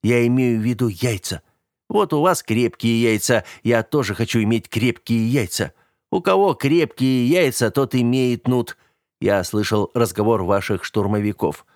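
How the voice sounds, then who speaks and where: A man's voice: medium pitch, normal speed, darkish tone, no echo, clean studio sound, lightly acted. A man voicing a naive young fighter in an audiobook, earnest and a little hesitant. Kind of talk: audiobook character voice.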